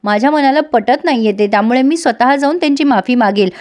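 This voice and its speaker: Caring, concerned middle-aged mother-in-law, soft-spoken, a woman voicing her. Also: sits high, fast, lightly acted.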